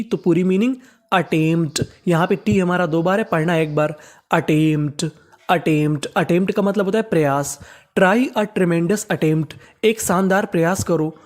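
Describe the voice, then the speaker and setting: An English teacher giving a step-by-step reading lesson, spelling words out letter by letter, then pronouncing each one slowly and repeating it, with rhetorical questions to the learner. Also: mid-range voice, a little mellow.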